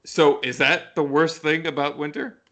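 Bright-voiced man in casual podcast chat. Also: a little high, fairly even intonation, moderate pace. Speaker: podcast co-host.

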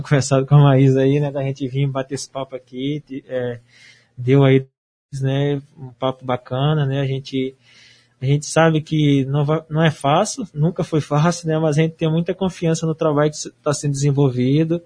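Mellow-voiced footballer chatting. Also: male voice, mid-range voice, flat delivery, normal speed. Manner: peppers talk with checking tags. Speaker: professional footballer, interview guest. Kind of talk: casual interview chat.

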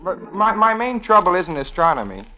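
A man's voice: high-pitched, big pitch swings, moderate pace, sharp tone, lo-fi sound, exaggerated voice. An actor playing an anxious, lovestruck young male college student who stammers earnestly, in 1940s radio acting style. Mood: fretful.

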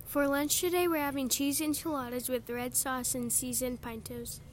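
High-pitched female school announcer, noisy recording. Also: level tone, moderate pace. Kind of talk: scripted school morning announcements. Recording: noticeable background noise.

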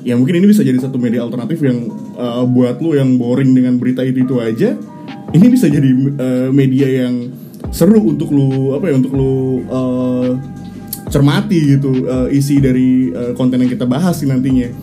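A man's voice: mid-range voice, fairly quick. A young man co-hosts a casual podcast, talking informally in slang with some English mixed in. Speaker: podcast co-host. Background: music.

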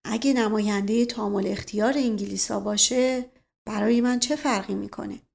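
A woman's voice: fairly high pitch, close to an everyday voice. A proud, touchy old patriarch, read by a woman narrator, speaking in a dry, stiff tone. It stays close to her own voice in this spoken storybook. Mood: subdued. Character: proud, touchy elderly man, head of family.

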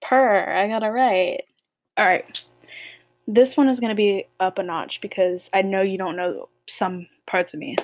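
A young woman with a mid-range voice, recorded with no room sound, co-hosts a casual podcast. She plays a chat game with a friend, playful and teasing, full of slangy banter.

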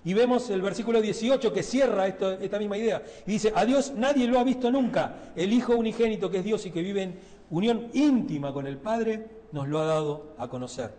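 A man with a high, light voice delivers a conversational sermon. He keeps checking in with his listeners through short questioning tags. His voice rings with the long reverb of a church hall. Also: brisk, warm tone. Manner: conversational preaching with frequent "¿eh?" tag questions. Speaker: preacher.

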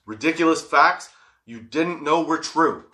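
A man's voice: on the high side, unhurried, sharp tone. A man hosting a casual, comedic solo podcast, stoned and rambling, giggly, drawing out the odd word. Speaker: podcast host.

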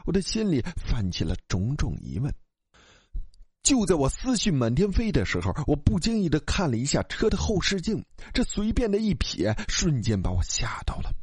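A man narrating a ghost story in the first person, dramatic, swinging from hushed dips to sudden rises. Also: on the high side, huge pitch swings, moderate pace, husky, no room sound.

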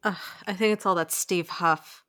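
A woman's voice: on the low side, steady tone, moderate pace, bright, forceful tone. Giggly young woman podcast co-host. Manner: giggly, rambling with many "like" fillers. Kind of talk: casual podcast chat.

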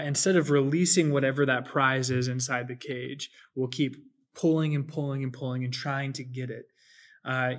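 Man, mid pitch, thoughtful, explanatory, casual faith discussion. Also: a bit bright.

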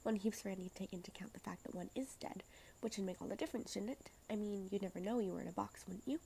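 A woman softly reading the part of an anxious, chattering male courtier from a play script, half-whispering as she rambles. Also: mid-range voice, quick pace, creaky, slight background noise, natural voice. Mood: musing.

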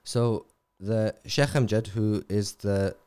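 Low-voiced man explaining at length. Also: fairly even intonation, darkish tone, clean tone. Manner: measured, explanatory, slips into tangents. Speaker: charity representative guest. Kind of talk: conversational interview.

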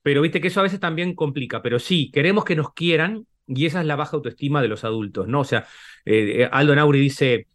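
A man's voice: a little high, brisk, fairly bright tone. Uruguayan man explaining, full of tag questions. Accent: Rioplatense Spanish, Uruguayan. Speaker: psychologist guest. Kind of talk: casual podcast conversation.

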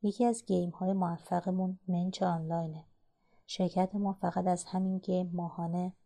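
A woman's voice: lowish voice, little pitch movement, mellow. A woman reading the part of a boastful young man bragging about his company.

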